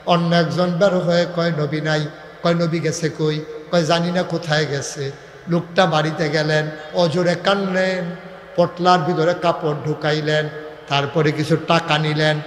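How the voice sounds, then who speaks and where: A man preaching a sermon, telling a story in a sing-song voice that climbs to loud shouts. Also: a little high, level tone, measured pace. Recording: echoey live PA sound.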